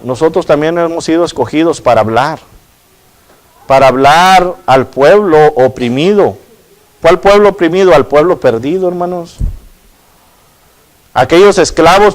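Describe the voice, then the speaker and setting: A man's voice: fairly high pitch, poor audio. A man preaching a sermon and reading from the Bible, asking his listeners rhetorical questions and calling them brothers. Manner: peppers speech with rhetorical questions and "verdad".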